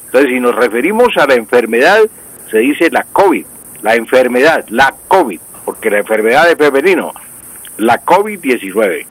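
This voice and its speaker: A man's voice: mid-range voice, sing-song, normal speed, slightly rough, no echo, rough recording. A Colombian man, a language expert on a radio news show, explains usage patiently, repeating words and using many fillers. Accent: Colombian Spanish. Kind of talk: call-in language advice.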